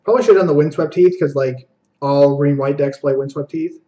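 Young male streamer, slightly high voice, running self-critical commentary on his own card game plays. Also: mellow, lo-fi sound. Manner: self-critical, thinking aloud, quick asides. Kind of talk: live gameplay commentary.

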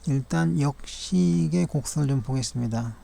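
A man with a gravelly, mellow, dark-toned voice walks through stock charts one by one. His delivery is measured and formal, with polite fillers and the occasional self-correction. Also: on the high side. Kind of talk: daily stock chart review narration.

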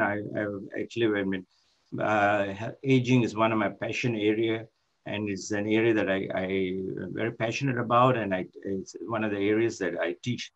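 Older guy lecturing on a zoom call from his office, lowish voice, lots of uhs, kinda muffled audio. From Malaysia. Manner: halting, many fillers and restarts. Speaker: guest speaker, professor of occupational therapy. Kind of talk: online lecture. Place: office with shelves. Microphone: laptop microphone on a video call.

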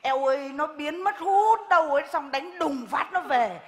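A woman's voice: high voice, animated, moderate pace. Woman playing a bossy, preachy village busybody. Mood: scolding. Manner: scolding, lecturing, loud and exaggerated. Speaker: comic stage actor. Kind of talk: live stage comedy skit. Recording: reverberant live stage hall.

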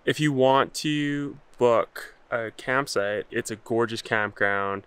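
A man's voice: mid-range voice, slow, fairly bright tone, clean tone. A young man chatting casually in a hiking vlog, filmed outdoors with a handheld camera at arm's length. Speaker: travel vlogger. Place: outdoors on a mountain trail.

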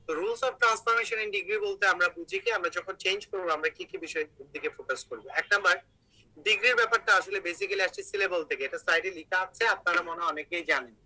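Bright-voiced man teaching English. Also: high voice, fast talker, low-quality recording. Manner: explains step by step, asks the class questions. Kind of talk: online class lecture.

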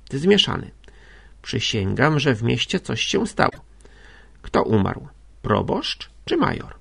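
Audiobook: male reader voicing a shrill, bossy old invalid lady, raised pitch, loud, gravelly edge. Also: full character voice. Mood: alarmed. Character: sick, fretful, domineering older lady invalid. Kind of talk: audiobook character reading.

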